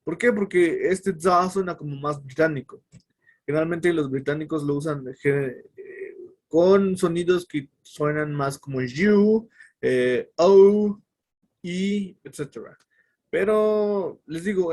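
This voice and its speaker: A man's voice: fairly high pitch, measured pace, darkish tone. A man teaching a casual English lesson online. He explains step by step and often stops to correct himself, with fillers along the way.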